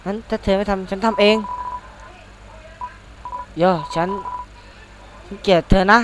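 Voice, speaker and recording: A man's voice: sits high, unhurried. A man voicing an eager young monster kid from a video game, who stammers and keeps saying "yo". The recording is noisy. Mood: awkward. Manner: excited, stammering, says "yo" often.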